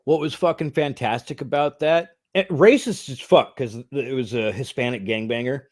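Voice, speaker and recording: A man's voice: mid-range voice, moderate pace, darkish tone. An American man co-hosting a movie review in casual, enthusiastic chat. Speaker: movie review podcast co-host.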